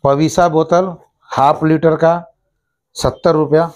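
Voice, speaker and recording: This shop owner, a man in his thirties, lists plastic items with their prices and briskly repeats each figure. His voice is fairly high, a little mellow and steady, recorded indoors via lapel mic in a small shop office.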